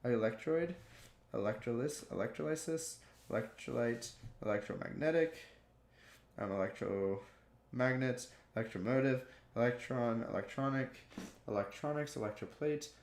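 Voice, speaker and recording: A man's voice: medium pitch, normal speed. A man reading dictionary entries aloud one word after another, with frequent stumbles and restarts. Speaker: video creator. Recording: echoey room.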